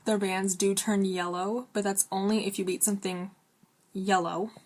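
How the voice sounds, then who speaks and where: A woman talks with braces in a casual vlog style, her voice sitting at a medium pitch. She is chatty and rambles along, often breaking into her own sentences to add an aside. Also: little pitch movement, moderate pace, a little mellow. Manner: talking with braces; rambling, chatty, self-interrupting. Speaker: vlogger. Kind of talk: casual chat to camera.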